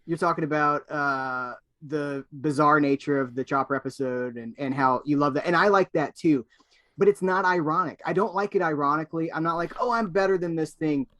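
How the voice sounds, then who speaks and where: A man chatting casually as a podcast guest, talking fast in loose, restarting sentences and acting out little quoted exchanges. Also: on the high side. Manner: animated, acts out quoted lines in raised voice. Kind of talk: casual chat.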